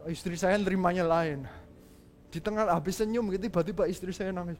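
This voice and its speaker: A male pastor telling a story in a sermon, lively and casual, acting out quoted lines and dropping in English phrases. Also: sits high, a little fast, slight background noise.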